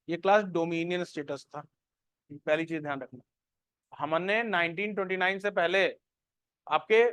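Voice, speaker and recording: A man teaching a coaching class, mixing Hindi with Indian-accented English and slowly repeating notes for dictation. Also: high voice, a bit bright, clear, resonant tone, no room sound. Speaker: history teacher for civil service exam coaching.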